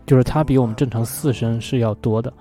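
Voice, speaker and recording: A man talking on his own about poetry in a relaxed, thoughtful way, often pausing on fillers as he thinks aloud. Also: medium pitch, faint music behind. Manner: thoughtful, hesitant, many fillers. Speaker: vlogger. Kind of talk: casual solo talk about poetry.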